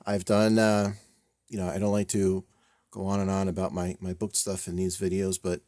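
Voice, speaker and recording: A man's voice: sits low, monotone, normal speed, mellow, dry recording, studio quality. A man hosting a hobby build video, talking casually with fillers and self-deprecating chuckles, a little stiff and robotic in delivery. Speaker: scale model builder and channel host.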